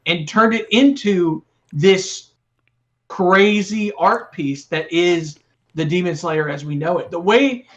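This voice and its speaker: A man's voice: sits high, takes it slowly, dull audio. A man co-hosting a podcast, talking casually and eagerly. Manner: enthusiastic, excitable. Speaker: podcast co-host. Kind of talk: casual chat.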